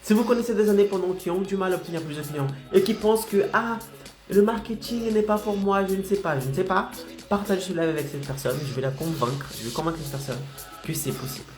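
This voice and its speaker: A high-pitched, brisk man with a mild head cold coaches freelancers on a motivational stream from an echoey room with faint music behind him. Insistent, he keeps tossing out "d'accord?" and "ok?" to keep listeners engaged.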